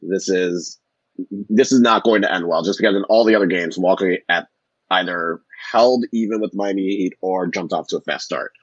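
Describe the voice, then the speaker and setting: Deep, slightly husky man talking sports. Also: moderate pace, no echo, dull audio. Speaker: podcast co-host. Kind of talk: casual sports podcast chat.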